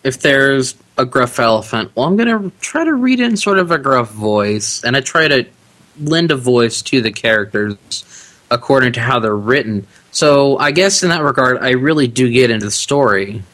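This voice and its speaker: A man speaks as a guest on a casual podcast interview. His voice is bright and forward, and he sounds relaxed and talkative, laughing easily. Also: mid-range voice, normal speed. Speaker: podcast guest, audiobook narrator.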